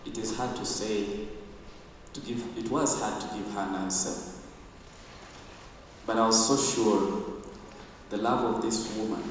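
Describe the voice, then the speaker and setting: Young Ugandan man, grandson's eulogy, halting, low-pitched, distant in a reverberant church. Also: a little hiss or hum. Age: young adult. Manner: halting, searching for words. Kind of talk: funeral eulogy. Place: church hall. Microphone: handheld mic. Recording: echoey church from far off.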